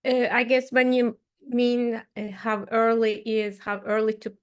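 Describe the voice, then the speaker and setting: A woman's voice: a little high, flat delivery, smooth. A woman, speaking thoughtfully as a panelist in a discussion. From Turkey. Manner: slow, thoughtful, many uh fillers.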